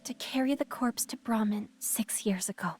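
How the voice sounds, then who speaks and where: Actress as young woman, gentle, remorseful, soft, highish voice, game drama, music underneath. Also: normal speed, natural voice. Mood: sorrowful, resigned. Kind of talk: scripted game acting.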